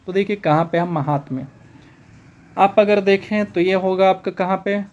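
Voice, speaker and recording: A man teaching a spoken exam-prep lesson, brisk and repetitive, calling his students brother. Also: sits high, steady tone, a little mellow, lo-fi sound.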